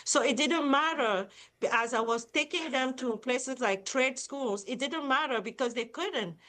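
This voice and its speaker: A middle-aged woman from Cameroon, guest in a live interview and founder-CEO of a nonprofit, speaks at a measured pace in a high-pitched, sharp voice. Her Cameroonian accent is clear, and she comes across as enthusiastic and upbeat.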